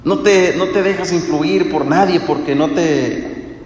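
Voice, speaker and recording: A man preaching a sermon, asking the listeners rhetorical questions and swinging between loud and hushed. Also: fairly high pitch, unhurried. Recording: echoey hall.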